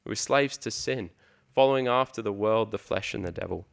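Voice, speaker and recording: Male preacher, lowish voice, earnest and emphatic sermon delivery. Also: brisk, vocal fry. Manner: earnest, emphatic, with frequent ums and repeated words.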